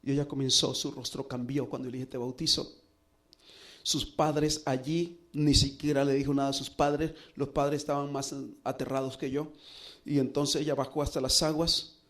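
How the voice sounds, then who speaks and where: A middle-aged pastor preaching, telling a personal story earnestly with dramatic pauses. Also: male voice, medium pitch, little pitch movement, a bit bright. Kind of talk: sermon storytelling.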